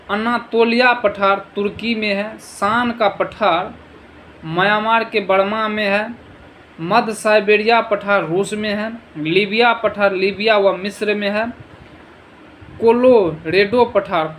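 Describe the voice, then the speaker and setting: A man's voice: sits high, fairly bright tone, a little hiss or hum, low-quality recording. A man teaching an exam revision lesson, asking short quiz questions and answering them himself, sometimes stumbling over foreign place names.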